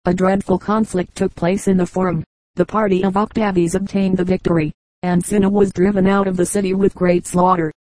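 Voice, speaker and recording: Woman, audiobook narration, mellow tone, dry close sound. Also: fairly low pitch, no room sound, poor audio. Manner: measured, even reading. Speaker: audiobook reader. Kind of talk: scripted narration of a history book.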